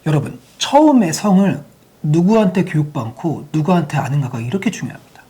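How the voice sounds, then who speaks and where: A woman's voice: deep voice, sing-song, brisk, warm tone, breathy edge. A woman giving a sex education lecture to parents, using many rhetorical questions to the audience.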